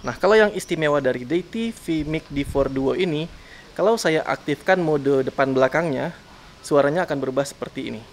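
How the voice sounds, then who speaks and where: A man's voice: a little high, brisk. Male tech vlogger, Indonesian accent, casual demo outdoors, faint hiss, on-camera mic. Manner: chatty, testing mic aloud. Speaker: tech reviewer. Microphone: camera-top microphone, turned front and back.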